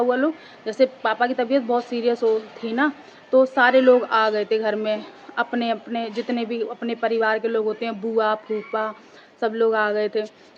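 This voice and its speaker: Earnest young woman vlogger, flat and high. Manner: earnest, repetitive, keeps addressing viewers as guys. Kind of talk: casual vlog storytelling. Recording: dull lo-fi phone audio, faint outdoor noise.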